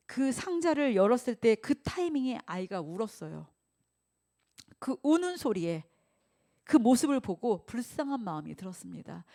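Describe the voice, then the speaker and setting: A woman pastor preaching a Sunday sermon, putting rhetorical questions to the congregation and acting out quoted speech. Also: mid-range voice. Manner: acts out quoted speech in lively voices.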